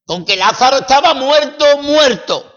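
A man from preaching a sermon, swinging dramatically between loud declarations and hushed passages. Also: very high voice, animated, unhurried. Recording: echoey hall, dull lo-fi sound.

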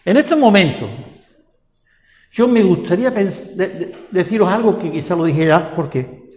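Older guy from spain preaching, slow and wavy, lots of rhetorical questions, echoey church hall. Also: sits high, expressive, darkish tone. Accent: Spain Spanish. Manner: asks repeated rhetorical questions. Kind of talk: sermon. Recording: echoey hall with long reverb.

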